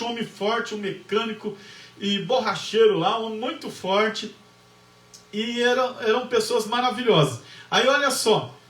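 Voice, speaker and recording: A man's voice: high-pitched, a bit bright. A man preaching and lecturing, telling a story with emphatic repetition and acted-out dialogue. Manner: emphatic storyteller, repeats phrases, acts out dialogue. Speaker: pastor and lecturer. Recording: echoey room, voice from far off.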